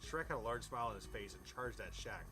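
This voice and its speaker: A man with a fairly low, expressive voice, pushed and bright, reads a fan fiction story fast in storybook style. He sounds amused and incredulous and cuts in with his own comments. The recording has music behind it and a little hiss or hum.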